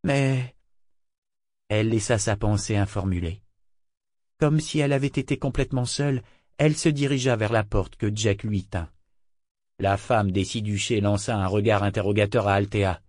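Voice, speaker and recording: A man narrating an audiobook in a measured, expressive reading. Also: lowish voice, no echo, clean studio sound. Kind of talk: scripted narration.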